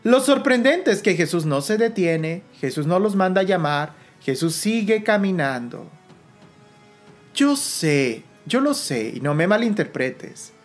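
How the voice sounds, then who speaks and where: A woman preaching a sermon, slow and emphatic, repeating key phrases for weight. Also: on the low side, big pitch swings, soft background music.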